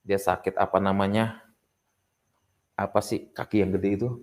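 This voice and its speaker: A man telling his testimony as an interview guest, growing animated when he retells his prayers. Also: deep voice, moderate pace. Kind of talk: testimony storytelling.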